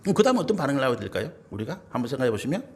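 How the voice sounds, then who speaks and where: A man's voice: medium pitch, very animated, rapid-fire. A man preaching a sermon as pastor, acting out quoted family members in his own voice. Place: church sanctuary.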